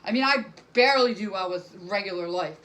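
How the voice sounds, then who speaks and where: A woman's voice: medium pitch, a little fast, a bit bright, low-quality recording. A middle-aged woman doing a casual stand-up monologue to camera from home, rambling and self-deprecating with many fillers. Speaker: stand-up comic.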